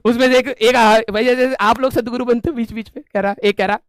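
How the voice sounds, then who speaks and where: A man teacher telling a funny story to his class, animated and laughing often. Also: very high voice, fairly quick, no room sound, clean studio sound. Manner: animated, laughing, frequent filler checks.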